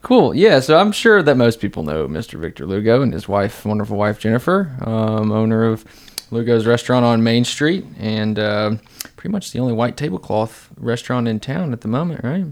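A man's voice: mid-range voice, big pitch swings, moderate pace. A man hosting a casual podcast interview, laid-back and rambling with many fillers. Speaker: podcast host.

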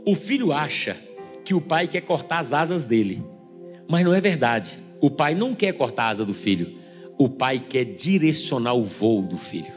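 A man's voice: mid-range voice, sing-song, moderate pace, soft background music. A man with a Brazilian accent, a pastor preaching a sermon who acts out everyday scenes in changing voices, emphatic. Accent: Brazilian Portuguese.

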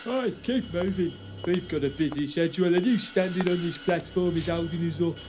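A man's voice: high voice, brisk, music in the background, lightly acted. A man doing a brusque, rude platform guard. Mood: impatient. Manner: curt, brusque. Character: gruff male platform guard, impatient and rude.

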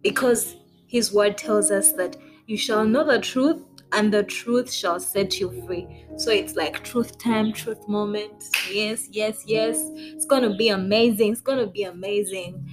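A bubbly woman hosts a faith podcast, gushing effusively and laughing often. Her voice is medium-pitched and unhurried, and the rough recording has clear background music running beneath her.

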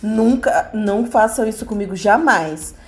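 A woman, co-hosting a casual gossip chat in an expressive, playfully dramatic way. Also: a little high, unhurried.

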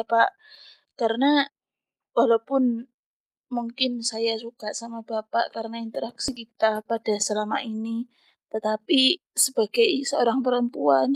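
A woman's voice: on the high side, dry recording, natural voice. A woman playing a polite, earnest patient who speaks hesitantly and respectfully, in an amateur skit.

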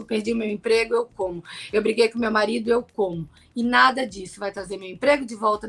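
A middle-aged woman speaks as a podcast guest, recounting her own experiences with open, emotional candor. Her voice sits high and carries a gravelly, fry-edged texture. She often tags her phrases with a quick questioning aside. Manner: emotional storytelling, frequent "né?" tags. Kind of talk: personal testimony in a podcast interview.

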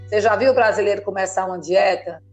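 Brief: emphatic Brazilian woman therapist in interview, animated explainer, faint music underneath. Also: medium pitch, fast. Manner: animated, emphatic, asks listener "entendeu?" often. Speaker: therapist guest.

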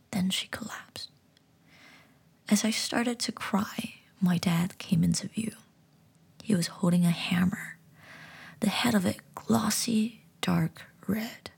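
A woman's voice: mid-range voice, vocal fry, husky. A woman narrating a first-person horror story entirely in a whisper. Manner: whispering throughout.

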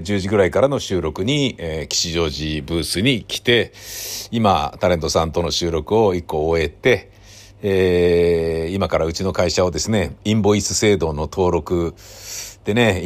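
A man's voice: deep voice, normal speed. A man hosting a casual solo podcast, rambling and joking at himself as he talks to himself in a parking lot on a handheld recorder. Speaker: podcast host.

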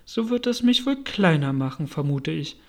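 A man's voice: a little high, lively intonation, normal speed, darkish tone. A man voicing the young girl Alice in a storybook reading, exclaiming and talking to herself.

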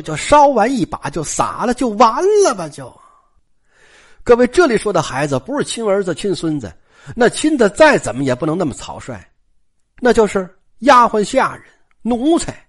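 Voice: mid-range voice, very animated, moderate pace, husky. A storyteller, telling a classic tale in colloquial style with asides to the listeners. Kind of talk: traditional oral storytelling.

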